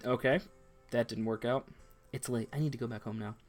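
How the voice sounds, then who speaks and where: A man's voice: medium pitch, fairly even intonation, fairly quick, faint music behind. A man giving casual, chatty commentary while playing a romance game. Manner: chatty, reads text aloud. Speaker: let's play host. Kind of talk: gameplay commentary.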